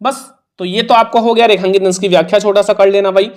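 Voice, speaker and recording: A man's voice: high-pitched, steady tone, fast. A man with a Hindi accent teaching an exam prep lesson in a casual, coaxing way, repeating the answers and the marks.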